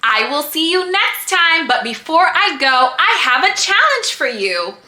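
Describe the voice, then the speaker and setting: A woman leading a sing-song lesson as if reading to a toddler, with exaggerated, encouraging delivery and simple phrases with pauses for replies. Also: high voice, big pitch swings, bright, forceful tone. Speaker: children's educator host. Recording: roomy echo.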